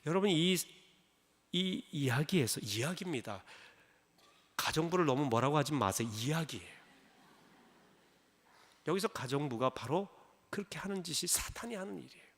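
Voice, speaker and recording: Gravelly-voiced male pastor, hall reverb. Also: expressive, moderate pace, pauses often. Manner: acts out dialogue in a lower voice, urgent emphasis. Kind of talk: sermon with acted storytelling. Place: church sanctuary.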